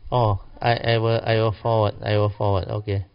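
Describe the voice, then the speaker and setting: A man's voice: on the low side, little pitch movement, brisk, gravelly, smooth. A man with a Malaysian or Singaporean accent teaching a class informally in colloquial slang English, with clipped phrases and tag particles. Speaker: Buddhist teacher. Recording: muffled, dull lo-fi audio.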